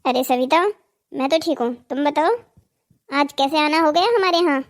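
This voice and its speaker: A woman's voice: high-pitched, normal speed, natural voice. A woman voicing Gopal, a rich self-assured villager. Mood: firm. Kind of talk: cartoon drama voicing.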